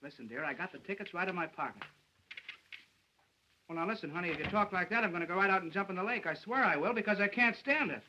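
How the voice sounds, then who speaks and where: An actor playing a brash, wisecracking newspaper reporter in an old film. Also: male voice, high voice, lively intonation, quick pace, sharp tone, exaggerated voice, rough recording. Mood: pleading. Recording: old film soundtrack with faint hiss.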